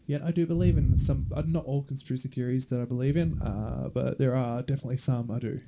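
A man's voice: mid-range voice, steady tone, quick pace, gravelly, background noise. A man with an Australian accent, hosting a casual podcast and reading history aloud in a laid-back, chuckling way. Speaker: podcast host.

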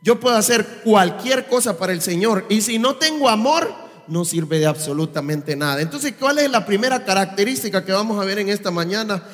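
Male preacher, high pitch, sermon, questions to the congregation, long church-hall reverb. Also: animated, brisk, a bit bright. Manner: quizzes the congregation with rhetorical questions. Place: church service.

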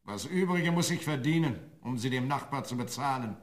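A man playing a gruff, scolding woodcutter father in a fairy-tale radio play. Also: medium pitch, animated, moderate pace, natural voice. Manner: scolding and grumbling.

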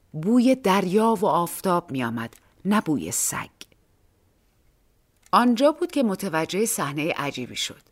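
A woman narrating a short story for an audiobook, reading expressively and acting out the dialogue. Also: lowish voice.

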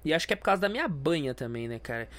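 A man's voice: fairly high pitch, big pitch swings, rapid-fire, fairly bright tone. Crude, ranting man. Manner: crude, self-mocking, heated. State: stuffy nose. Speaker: podcast host. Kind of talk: casual comedic rant.

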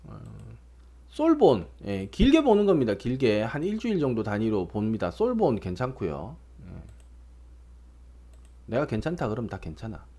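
A man's voice: medium pitch, huge pitch swings, moderate pace, dark tone. A man giving casual stock market commentary, rambling and provocative, tossing out constant tag questions.

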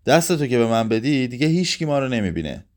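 A frightened young girl from a storybook, asking small, pleading questions, as a male reader puts her on. The voice swings widely in pitch, rising on each question and falling back. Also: very animated, darkish tone, close to an everyday voice. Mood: urging. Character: young girl freed from a soda bottle, frightened.

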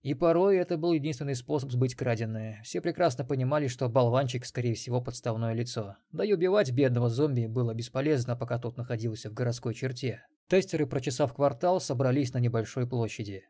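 A man reading an audiobook in a measured, even narration. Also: medium pitch, no room sound, studio quality. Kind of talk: scripted narration.

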